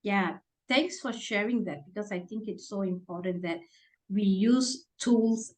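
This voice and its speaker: A woman's voice: mid-range voice, measured pace, darkish tone. Woman podcast host, thoughtful questions. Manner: searching for words, frequent restarts. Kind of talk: casual conversational interview.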